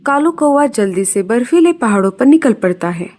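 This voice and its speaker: Expressive woman storyteller, lively voice. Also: a little high, normal speed. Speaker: narrator. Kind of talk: scripted storybook narration.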